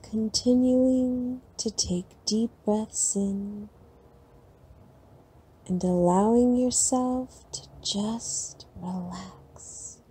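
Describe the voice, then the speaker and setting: Sleep meditation guide: woman, very slow and breathy, soft and soothing. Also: fairly high pitch, steady tone.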